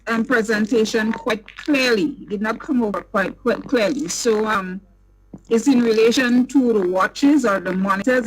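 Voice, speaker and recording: Woman on a distorted, noisy call line. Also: fairly high pitch. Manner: hesitant, halting with many fillers. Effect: distorted remote call audio with background noise. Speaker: journalist asking questions. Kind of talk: press briefing question. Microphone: remote call.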